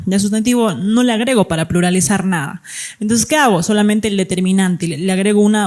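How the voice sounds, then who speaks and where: A woman teacher gives a grammar lesson. Her voice sits at a middle pitch. She walks through rules one by one and keeps checking that the class follows. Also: darkish tone. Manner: explains step by step, checks understanding with "¿ya?" and "¿no?".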